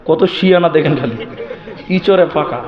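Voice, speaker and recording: High-voiced preacher from Assam, echoey. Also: male voice, moderate pace. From Assam, India. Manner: lively storytelling, acting out dialogue, chuckling asides. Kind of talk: Islamic sermon with comic storytelling. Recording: echoey dull PA sound.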